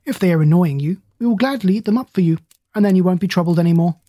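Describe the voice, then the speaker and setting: A woman gives voice to a great shark in a children's storybook. He is courteous and matter-of-fact while quietly menacing, slightly husky and very dry in sound. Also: fairly low pitch, quick pace, no echo, close to an everyday voice. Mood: polite menace. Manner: courteous, businesslike offer of violence.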